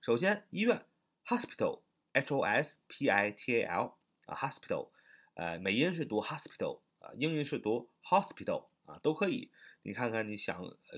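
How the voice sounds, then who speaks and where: A man's voice: mid-range voice, fairly bright tone, slightly rough. A man teaching a spoken English lesson, explaining patiently, repeating phrases and using many fillers.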